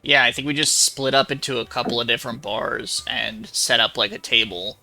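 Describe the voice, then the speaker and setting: A man's voice: medium pitch, steady tone, fairly quick, creaky, bright, forceful tone, poor audio. A man playing a tabletop game over a voice call. His audio is glitchy and robotic, and he rambles with lots of fillers. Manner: rambling, filler-heavy, hesitant. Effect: glitchy, robotic-sounding voice chat audio. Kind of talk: casual chat over voice call. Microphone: online voice call.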